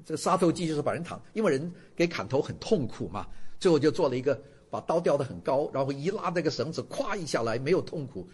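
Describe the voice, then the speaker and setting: An older male lecturer talks to a class with a husky voice, pitched a little high. His pitch swings widely as he tells stories and throws questions at the audience. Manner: animated storytelling, asks the audience questions. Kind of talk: casual lecture to students.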